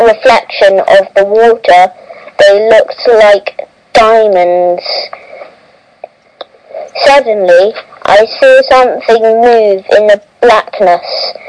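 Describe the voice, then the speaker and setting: A woman reads a first-person adventure tale aloud at a slow, deliberate pace. Her delivery is halting, with frequent restarts and self-corrections. Her pitch sits in an ordinary middle range. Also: a little mellow, no echo, low-quality recording.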